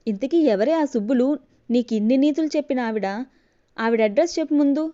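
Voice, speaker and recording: A woman's voice: high voice, moderate pace, mellow, natural voice. A woman storyteller voicing an exasperated young husband who scolds his wife in raised lines. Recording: dull lo-fi recording.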